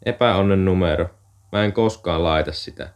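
A man's voice: low-pitched, clear, resonant tone, natural voice. A man reading aloud, voicing a blunt, weary mother with a head cold and a stuffy, nasal voice. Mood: annoyed. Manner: blunt, dismissive, wry.

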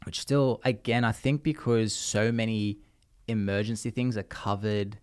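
A man with an Australian accent talks in a low, easygoing voice. He rambles through his points, restarting sentences as he goes. He tells stories casually, like a guest on a chat show. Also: unhurried, clean tone. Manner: rambling, restarts, lively storytelling. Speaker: podcast guest.

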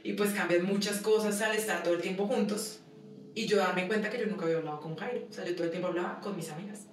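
Speaking fast in a fairly low, fairly even voice, a young female guest recounts personal stories in a relaxed interview, playing out the dialogue and laughing a lot. Soft music sits in the background, and the echoey room is miked from a distance with some noise.

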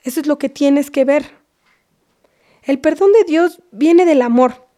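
A woman's voice: high voice, a little slow, dark tone. A woman playing a scolding but loving mother with a Mexican accent, lecturing her daughter in a comedy sketch. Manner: scolding, lecturing, half-whispered.

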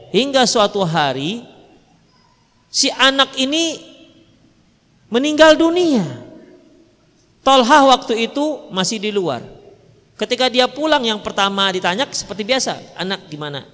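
Lively preacher with a Medan accent. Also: male voice, very high voice, slow pace, long pauses. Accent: Medan Indonesian. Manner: lively storytelling, acting out dialogue. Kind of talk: religious lecture. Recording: reverberant hall.

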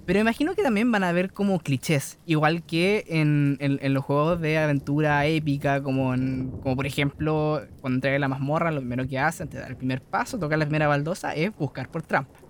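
Chilean male co-host, somewhat high voice, loose rambling delivery, faint hiss. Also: brisk, hardly any pauses. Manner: rambling, tags phrases with tag questions. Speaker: game master and podcast co-host. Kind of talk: casual podcast chat.

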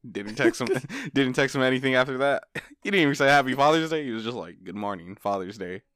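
A man's voice: medium pitch, animated, a little fast, fairly bright tone, clean tone, no room sound. Young guy cohost, teasing and laughing a lot, bouncy voice, dry mic. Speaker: podcast co-host. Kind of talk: casual chat.

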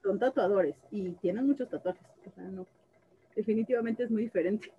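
A woman with a medium-pitched voice talks at a normal speed, recorded with lo-fi sound and slight background noise. She's a tattoo artist chatting casually, an animated storyteller who acts out conversations and laughs often.

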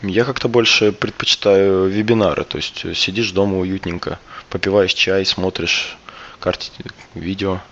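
A man hosting a podcast in casual talk, his voice gravelly and hoarse from a cold, feeling for his words. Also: sits low, fairly even intonation, moderate pace, a bit bright. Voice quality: gravelly, hoarse voice with throat clearing. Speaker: podcast host. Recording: dull, lo-fi sound.

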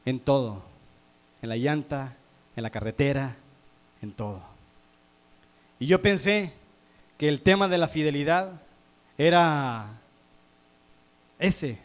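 A man's voice: a little high, animated, slow pace, long pauses. A man with a Mexican accent, preaching a sermon through a humorous personal story, teasing the congregation. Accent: Mexican Spanish.

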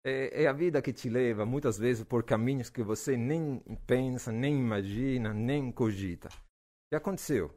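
A man in his forties from Naples with an Italian accent, a physics professor answering interview questions in a relaxed way, with frequent hesitations and fillers. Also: medium pitch, normal speed. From Naples, southern Italy. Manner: hesitant, many "ah" fillers, laughs easily.

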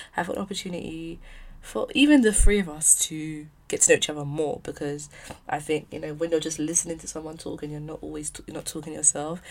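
A young woman with a South East London accent and a notably low voice, thick with vocal fry. She talks as a podcast host on her own, in a casual, candid and opinionated way, chatting directly to listeners. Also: a bit bright. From south-east London, England. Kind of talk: casual solo podcast chat. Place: at home.

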